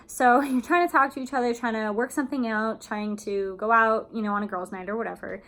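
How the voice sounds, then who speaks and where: A woman's voice: fairly high pitch, a little fast. A woman casually explaining acting, talking in a chatty way with many fillers. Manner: chatty, many fillers, acts out excited phone calls.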